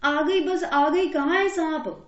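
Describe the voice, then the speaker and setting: A woman's voice: high voice, slow pace, echoey room, dull audio. A woman voicing a caring, bustling village mother. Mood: concerned. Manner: bustling, concerned.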